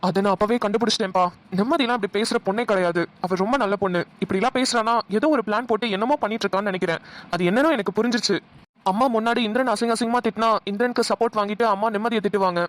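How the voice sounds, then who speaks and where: A performer voicing a sensible young husband in a cartoon, laying out his reasoning quickly. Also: medium pitch, natural voice. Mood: explaining. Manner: quick, explaining. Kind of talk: cartoon voice acting.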